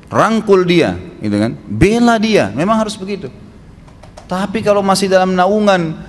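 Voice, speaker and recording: A man preaching a sermon in a forceful, admonishing way, his pitch jumping up sharply for emphasis. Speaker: Islamic preacher. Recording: long hall reverb, faint room noise.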